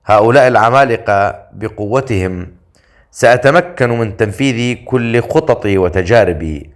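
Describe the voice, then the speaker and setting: A man's voice: on the low side, normal speed, lightly acted. A man voicing a cunning, grumbling male inventor in an audiobook story, in a sly manner. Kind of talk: audiobook character voice.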